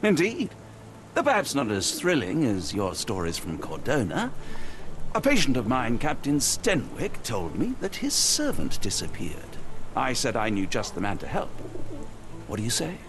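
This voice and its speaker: An actor playing a courteous, patient doctor, a loyal companion to a detective in a video game, polite and tactful. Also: male voice, mid-range voice, huge pitch swings, moderate pace, background noise. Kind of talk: video game cutscene acting.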